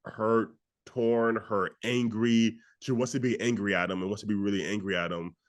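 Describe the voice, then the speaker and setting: A young man, low-voiced and casual, co-hosts a podcast about films. He rambles through his points, stacking "like" and restarting sentences as he goes. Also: normal speed. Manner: rambling, heavy use of "like", animated retelling. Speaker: podcast co-host. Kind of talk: casual film discussion.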